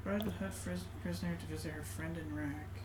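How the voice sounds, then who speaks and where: A mid-pitched person chats casually about a game from away from the mic. The sound is roomy and very noisy, with keyboard typing. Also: steady tone, a little fast, recorded from a distance.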